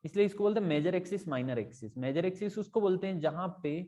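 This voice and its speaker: Mellow-voiced male math tutor. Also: sits high, lively intonation, quick pace. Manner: explains step by step, often checking if students follow; mixes in English math terms. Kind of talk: casual tutoring explanation.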